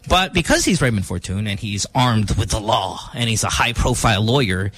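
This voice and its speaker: A man hosting a morning radio show, telling a story in quick, animated banter with laughing asides. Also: on the low side, slightly rough, no echo.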